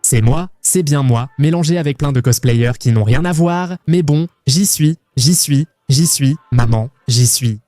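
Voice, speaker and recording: Excitable man hosting a travel vlog. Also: mid-range voice, unhurried, few pauses, dry recording. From Argentina. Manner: excitable, playful, jokey. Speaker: travel vlogger host.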